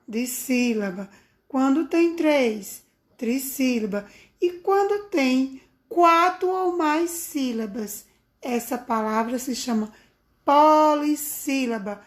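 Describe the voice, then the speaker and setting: Lady teacher talking slow n high to small kids, singsongy, recorded on her phone. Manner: slow, sing-song, affectionate teacher talk to young children. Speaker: primary school teacher. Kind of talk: recorded remote lesson for children.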